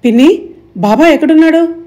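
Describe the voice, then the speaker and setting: A woman's voice: high-pitched, lively intonation, fairly quick, warm tone, voice pushed up. A woman voicing a sixty-year-old man, a worried nephew who speaks in an earnest, pressing way. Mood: urgent.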